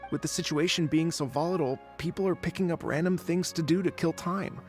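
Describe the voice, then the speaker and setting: A man's voice: a little high, fairly quick, faint music behind, close to an everyday voice. An actor playing a chatty, unmotivated young male researcher who justifies himself, in a video game. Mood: casual. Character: idle young male researcher, casual, unmotivated excuse-maker. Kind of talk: video game dialogue acting.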